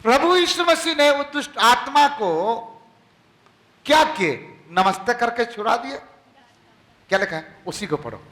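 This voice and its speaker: Brief: male pastor, very high bright voice, slow deliberate sermon. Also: roomy sound. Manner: animated, shouted rebukes.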